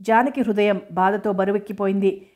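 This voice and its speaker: A woman narrating a novel in an even, measured audiobook reading. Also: medium pitch.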